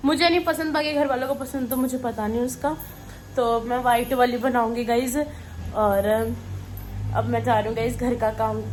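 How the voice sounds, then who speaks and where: A woman's voice: fairly high pitch, a little hiss or hum. Chatty woman vlogging at home. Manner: chatty, laughs at her own slips, keeps saying guys. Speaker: vlogger host. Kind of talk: casual chatty vlog. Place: home, indoors.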